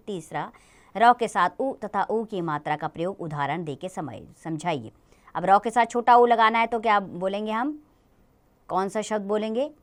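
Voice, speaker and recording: A woman teaching a children's grammar lesson, explaining slowly and patiently, often asking the children questions. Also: mid-range voice.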